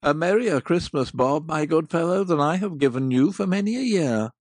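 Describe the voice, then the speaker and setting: A woman playing gruff old miser Scrooge. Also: rumbling low, wildly swooping pitch, takes it slowly, no echo, clean studio sound, voice pushed down, heavily acted. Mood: hearty. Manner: growling, hearty. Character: gruff old male miser, reformed and jolly.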